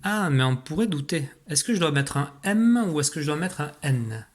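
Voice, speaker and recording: A man, a teacher giving a recorded spelling dictation, patient and clear, slowly articulating each sound. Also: a little high, expressive.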